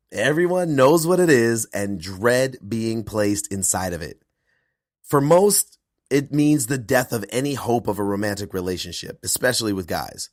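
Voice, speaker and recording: A male podcast host and performance coach delivering an earnest intro monologue, his voice hoarse from a cold. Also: medium pitch, no echo, clean studio sound. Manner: earnest, animated, self-promoting.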